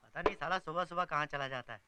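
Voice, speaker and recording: An actor playing a tea stall owner who answers evasively. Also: male voice, on the high side, fast, noisy background, close to an everyday voice.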